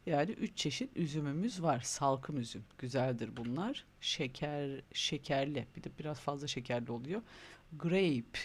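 A man teaching English words to young children in a recorded online lesson, speaking with a Turkish accent and warmly prompting them to repeat after him. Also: mid-range voice, normal speed, hardly any pauses, husky. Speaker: primary school English teacher.

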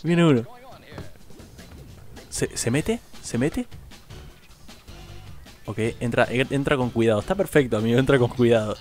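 Brief: young Argentine guy streaming a survival game, casual slangy commentary, mid-pitched voice, faint music behind. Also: lively intonation, moderate pace, long pauses. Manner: casual, slangy, talks to chat. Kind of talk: live gameplay commentary.

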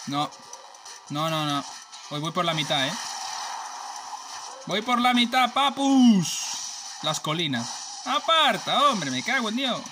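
A man with a Spain Spanish accent giving excitable, profane let's play commentary, joking and trash-talking rival racers. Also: sits high, takes it slowly, pauses often. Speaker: gaming channel host. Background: racing game music and sounds.

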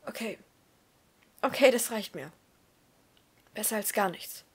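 A woman's voice: mid-range voice, lively intonation, unhurried, breathy edge. A woman reading the lines of a hurt teenage boy who pleads and grows upset, his voice rising. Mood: pressing. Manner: emotional, voice rising when upset.

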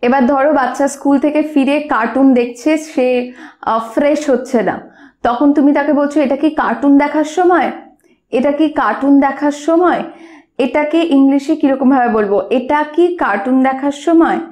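A high-pitched woman with a Bengali accent, a native Bengali speaker teaching spoken English. She says each example sentence slowly and deliberately, word by word. The recording has a noticeable roomy echo. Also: a little mellow. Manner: slow, carefully spaced example sentences.

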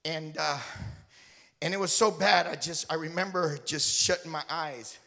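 A man's voice: fairly high pitch, steady tone, moderate pace, vocal fry, sharp tone. A man, a missionary preacher, telling a folksy, joking story to his congregation during a sermon. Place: church sanctuary. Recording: reverberant church hall.

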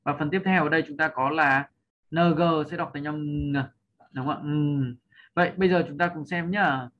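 Patient man teaching pronunciation, higher voice. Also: fairly even intonation, fairly quick, dull audio. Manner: patient, checks in often with rhetorical questions; draws out and lifts model sounds for learners. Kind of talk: spoken lesson explaining over slides.

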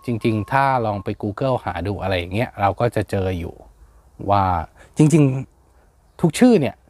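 Slow, hesitant man explaining plant names. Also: on the low side, animated, a little mellow. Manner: unhurried, hesitant with fillers, spells words out letter by letter. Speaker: plant channel host. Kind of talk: casual explainer vlog.

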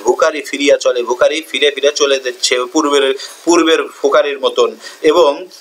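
A man's voice: mid-range voice, steady tone, normal speed, slight background noise. A man teaching a poem line by line. He reads each verse, then asks and answers his own questions to explain it.

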